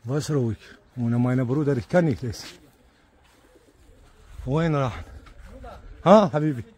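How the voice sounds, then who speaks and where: Excitable husky Iraqi man. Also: mid-range voice, normal speed. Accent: Iraqi Arabic. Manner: excitable, repeats words, frequent religious blessings. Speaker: pigeon keeper filming his birds. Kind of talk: casual live commentary to viewers.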